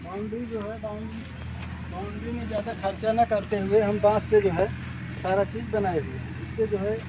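Speaking briskly in a high, steady voice, this man in his thirties gives a casual walking tour of his goat farm, explaining plainly and leaning on "jo hai" again and again. Someone else films him with a moving phone camera outdoors among fields and brick sheds, and insects and other loud outdoor noise fill the audio.

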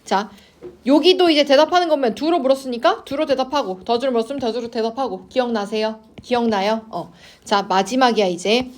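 A woman's voice: fairly high pitch, moderate pace. A woman teaching an English grammar class, coaxing her students and checking in with them constantly. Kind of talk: online class lecture to students.

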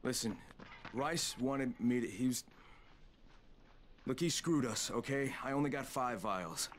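A man's voice: mid-range voice, measured pace, background noise, natural voice. A man playing a blunt, hot-headed, swearing undercover operative in a video game. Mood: grim, urgent. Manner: blunt, profane.

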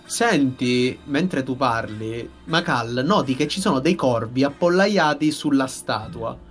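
A young man narrating a tabletop game as game master, halting as he searches for words. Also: medium pitch, lively intonation, soft background music. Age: young adult. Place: indoor room, online group stream.

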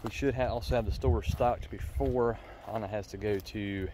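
In this casual farm tour vlog, a farmer speaks in a low voice with fairly even intonation at a moderate pace, with faint outdoor noise around him. He's outside on a windy farm, recording on a handheld phone with a glove over the mic to block the wind.

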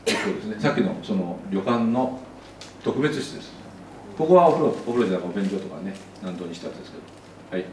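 A man's voice: lowish voice, sing-song, quick pace, darkish tone, roomy sound, far from the mic, a little hiss or hum, poor audio. A man giving a casual slide lecture as an architect, chatty, with many asides.

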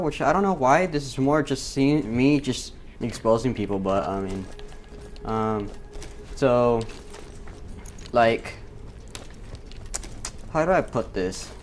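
A man's voice: medium pitch, moderate pace, long pauses, a little hiss or hum. Rambling, profane gamer guy. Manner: rambling, profane, many fillers. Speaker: gaming YouTuber. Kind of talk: casual commentary over gameplay.

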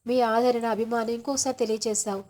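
A woman's voice: on the high side, flat delivery, brisk, a little mellow, lightly acted. A woman voicing a wounded, proud middle-aged father who speaks reproachfully and raises his voice in defiance.

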